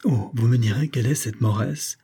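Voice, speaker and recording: A man voicing an eager, friendly young lieutenant who talks warmly and impulsively. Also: medium pitch, normal speed, husky. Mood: curious.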